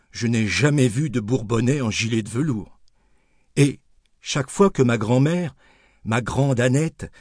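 A man narrating an audiobook in an expressive storytelling manner. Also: mid-range voice, no room sound, clean studio sound. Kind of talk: scripted narration.

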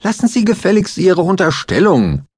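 A man's voice: lowish voice, moderate pace, breathy edge, no room sound, clean studio sound, voice pushed up. A man voicing a coarse, overweight male lawyer who whines and curses indignantly, in an audiobook thriller. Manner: whiny, indignant, cursing.

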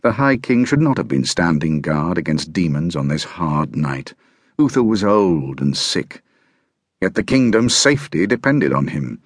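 A man narrating a historical novel audiobook in a measured, grave first-person storytelling manner. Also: sits low, sing-song, dry recording.

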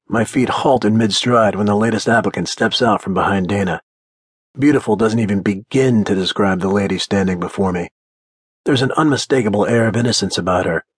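A man's voice: lowish voice, slightly rough, no room sound. A man narrating a first-person audiobook in a blunt, confident manner.

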